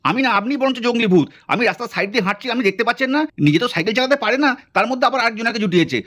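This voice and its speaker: Brief: man doing a high, rapid-fire, indignant young man for a puppet cartoon. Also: a bit bright. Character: flustered young man, new to the village.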